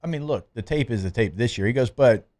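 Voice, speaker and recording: A man hosting a live sports radio talk show from a studio, chatting in a relaxed, joking way with plenty of fillers. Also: mid-range voice, fast talker.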